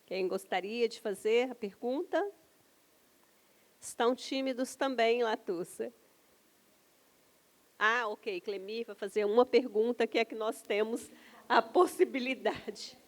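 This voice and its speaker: A woman's voice: fairly high pitch, unhurried, pauses often. A woman moderating a seminar panel, thanking speakers and inviting questions in a formal, courteous way. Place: seminar auditorium.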